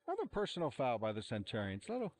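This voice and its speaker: A man calling a high school football game, relaxed and rambling with plenty of fillers. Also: quick pace. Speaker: play-by-play commentator. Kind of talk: amateur sports commentary. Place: outdoor football stadium sideline. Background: cheering fans.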